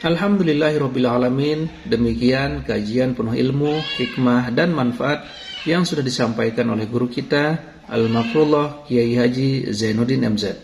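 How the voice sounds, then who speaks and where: A man's voice: mid-range voice, normal speed, gravelly, darkish tone. Man reading a formal closing prayer. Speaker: channel narrator. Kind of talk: scripted closing narration. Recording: echoey room with faint noise.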